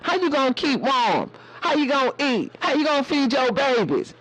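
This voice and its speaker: A sassy elder woman, as a man puts her on, lectures a live audience in a very high, hoarse voice. She preaches in a motherly way and calls everyone baby and honey. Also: sing-song, moderate pace, a bit bright, exaggerated voice, poor audio. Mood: preachy. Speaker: live-stream host. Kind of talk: preachy casual live-stream talk.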